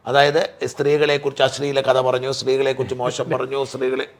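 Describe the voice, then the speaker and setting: A man's voice: mid-range voice, completely flat delivery, brisk. A man co-hosting a political talk show, arguing and explaining legal sections point by point. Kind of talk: casual political discussion.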